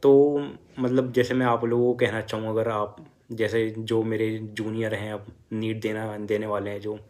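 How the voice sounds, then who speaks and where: A man's voice: lowish voice, little pitch movement, moderate pace, a little mellow. A young man, a first-year medical student, telling his exam story and advising students in a casual, filler-heavy way. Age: young adult. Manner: conversational, many fillers, advising students directly. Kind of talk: casual motivational talk.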